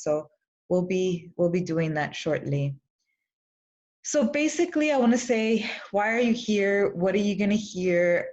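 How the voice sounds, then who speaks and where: A young woman from Los Angeles who grew up speaking Spanish hosts a casual webinar as a coach, her mid-range voice a little mellow. She is encouraging and often restarts her phrases, and the lo-fi webinar audio sounds slightly dull.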